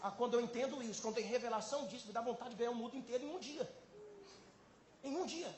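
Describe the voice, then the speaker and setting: A man, a pastor, preaching a sermon at a conference, swinging between loud exclamations and quiet, intimate passages. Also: extremely high pitch, racing, echoey room, heavy background noise. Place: large conference hall.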